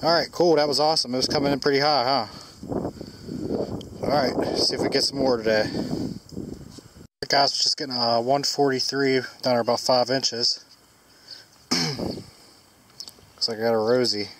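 Stuffed up from a cold, this man talks viewers through his metal detecting finds while digging in woods and a yard. He speaks at a normal speed in a mid-range, fairly even voice, leaving long pauses, with background noise audible. He comes across as plain and upbeat, addressing his audience as he works.

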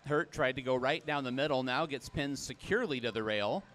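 Man, play-by-play commentator, live sports commentary, mid pitch, brisk, jumps up on big plays. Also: fairly bright tone.

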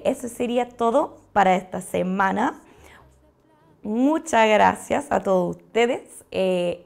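Slow, gravelly teacher speaking Spanish. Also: female voice, medium pitch, a little mellow. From United States. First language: English. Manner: explains slowly and clearly, repeats phrases in English then Spanish. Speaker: English teacher. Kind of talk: online language lesson.

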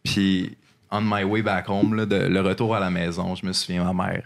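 Gravelly low-voiced Québécois man in his twenties. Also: flat delivery, normal speed. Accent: Québécois French. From Montreal, Quebec. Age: 20s. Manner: rambling, many fillers and restarts. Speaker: podcast guest, alpine skier. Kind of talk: casual storytelling. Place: apartment room at a table. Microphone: desk microphone.

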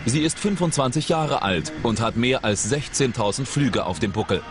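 A man reading scripted documentary narration in a studio voice-over, with a measured, suspenseful delivery. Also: medium pitch, animated. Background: dramatic music.

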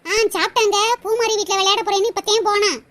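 A woman voicing a defiant, sharp-tongued young wife in a cartoon, talking back sarcastically with a southern Tamil accent. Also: very high-pitched, steady tone, quick pace. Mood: dutiful. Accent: southern Tamil (Tirunelveli). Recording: loud background noise.

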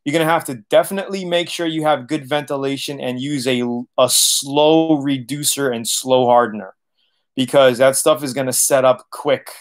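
This is a man in his late thirties with a mid-range voice, fairly even intonation and normal speed. He hosts an auto body channel and is doing a relaxed livestream Q&A, reading chat from a leather couch in his living room, laughing frequently and swearing here and there.

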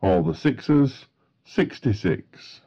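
A man calls bingo numbers in a formulaic, matter-of-fact way. His voice is husky and swings noticeably in pitch as he goes at a slow pace. The sound is a little dull and lo-fi. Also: animated. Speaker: bingo caller. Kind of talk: bingo calling, each number announced in a set phrase.

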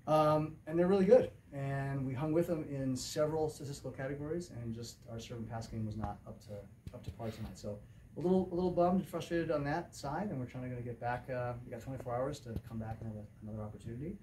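Quick-paced and darkish in tone, a mid-range male voice belongs to a middle-aged volleyball coach answering questions at an indoor post-game press conference. Recorded from a distant camera mic, the clip has clear room noise.

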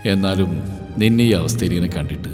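A man voicing a worried older brother, stern yet caring, who talks in a low, pleading way. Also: brisk, darkish tone, lightly acted. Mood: anguished. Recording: reverberant with music underneath.

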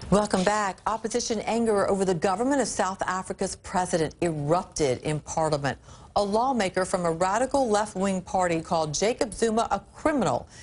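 A woman's voice: mid-range voice, a little fast, darkish tone. A female news anchor in her forties reading news copy in a studio, with chatty asides between stories.

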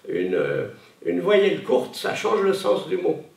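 A man gives a conference talk, pausing often on fillers and circling back to restart his sentences. His voice is strongly gravelly and a little high, with lively intonation. He is heard from some distance across an echoey hall. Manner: hesitant, many fillers and restarts. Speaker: conference speaker. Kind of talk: public lecture. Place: lecture hall. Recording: echoey room, voice from afar.

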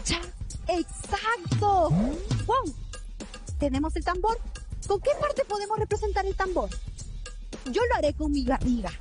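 A woman with a Peruvian Spanish accent leading a lively children's body-percussion lesson, making playful sound effects. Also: very high-pitched. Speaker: movement instructor. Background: music.

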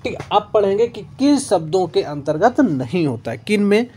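A male teacher giving an exam-prep grammar lesson, explaining slowly and repeating himself, spelling out letter by letter. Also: high voice, big pitch swings, mellow, a little hiss or hum. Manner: slow, repetitive explaining, spelling words out letter by letter.

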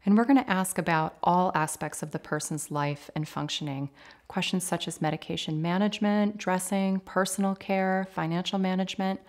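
A woman in her forties, an occupational therapist, explaining things in a clear, measured, instructive way in a home kitchen. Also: on the low side, fairly even intonation. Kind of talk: explanatory interview talk.

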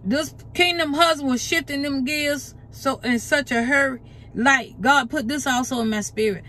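A woman's voice: fairly high pitch, fairly bright tone, slight background noise. A woman preacher delivering a prophetic word to her viewers in a fervent, repetitive way, often calling them "you guys".

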